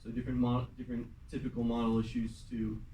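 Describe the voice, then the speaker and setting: This young man, a student club president, runs through the semester plan for a class in a medium-pitched, monotone voice that is quick and dark in tone, with slight background noise. Casual and chatty, he leans on fillers and now and then slips into Mandarin, captured from far off in an echoey classroom.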